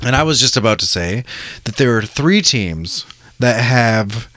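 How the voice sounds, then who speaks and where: A man's voice: medium pitch, lively intonation, unhurried, a bit bright, no echo. A man casually talking football as a podcast host, with an informal, sweary way of talking. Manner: profane, informal.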